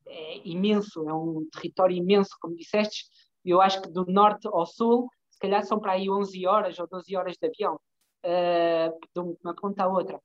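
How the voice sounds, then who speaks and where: A woman's voice: fairly low pitch, steady tone, moderate pace. A woman with a European Portuguese accent explaining her work in a conversational interview, often searching for words and checking that she is followed. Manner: hesitant, searching for words, frequent checking tags. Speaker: interview guest, development bank professional. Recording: dull, lo-fi call audio.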